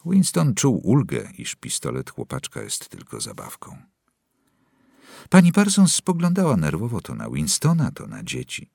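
A man narrating a novel aloud in a dramatic, expressive reading. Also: very deep voice, normal speed, vocal fry, breathy edge, dry recording, clean studio sound. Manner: dramatic, wide-ranging delivery. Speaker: audiobook narrator.

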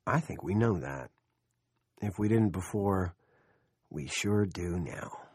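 A man's voice: low-pitched, expressive, slow pace, a little mellow, slightly rough, no room sound, studio quality, exaggerated voice. A man voicing a bitter male news photographer in an audiobook.

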